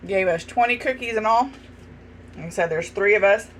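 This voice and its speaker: A man's voice: sits high, normal speed, a little hiss or hum. A man chatting casually to his viewers while he tastes his baking, sometimes talking with his mouth full. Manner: relaxed, talks while chewing. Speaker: home cooking vlogger.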